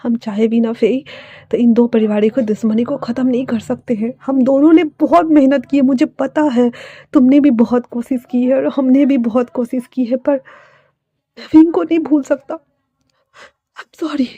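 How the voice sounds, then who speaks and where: A woman voicing a young mafia man who speaks softly and earnestly, ready to sacrifice himself. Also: high voice, fairly even intonation, moderate pace, breathy edge, no echo, lo-fi sound. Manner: soft, quiet, earnest.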